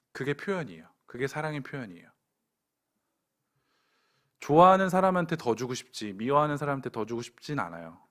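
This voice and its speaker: A man's voice: medium pitch, fairly bright tone. A young adult man preaching a sermon to a church young adults group, pointed and direct with playful asides. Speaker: pastor.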